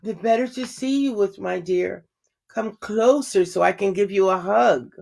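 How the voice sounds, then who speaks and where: A smooth-talking storybook wolf, polite on the surface and hungry underneath, as a woman reads him aloud. The voice is silky and sly, dropping into a soft, sinister purr. Mid-pitched, with an even, friendly tone. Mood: sweetly menacing. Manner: silky, falsely polite, slowing to a menacing hush. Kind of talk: children's storybook read-aloud.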